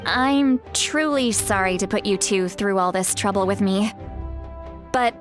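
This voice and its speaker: Actress as a measured, earnest fantasy guide woman. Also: medium pitch, soft background music, close to an everyday voice. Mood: earnest, pleading. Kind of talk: scripted video game dialogue.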